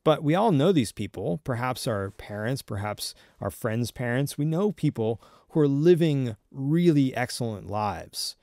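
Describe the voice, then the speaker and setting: A young adult man, a podcast guest, explaining ideas earnestly and in a measured way, with frequent restarts. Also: medium pitch, expressive, mellow, dry recording, clean studio sound. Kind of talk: thoughtful conversational explanation.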